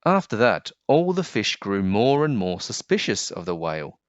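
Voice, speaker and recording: Animated man reading a children's story. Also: on the low side, moderate pace, no echo, muffled recording. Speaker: children's book narrator. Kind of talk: expressive scripted storybook narration.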